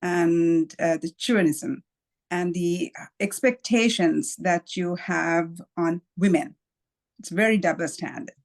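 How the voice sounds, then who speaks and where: Thoughtful woman guest from Sri Lanka. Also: lowish voice. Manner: thoughtful, measured, with hesitations and light laughs. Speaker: guest author. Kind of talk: podcast interview.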